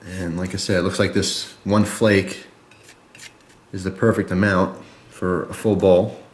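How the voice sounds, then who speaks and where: A man's voice: sits low, level tone, measured pace, reverberant, slight background noise. A man chatting casually and informally to viewers, explaining step by step as he demonstrates a product in a review video.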